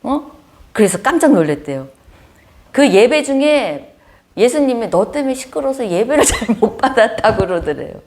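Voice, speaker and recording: A woman preaching a sermon, telling stories in an animated way with frequent laughter. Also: on the high side, normal speed.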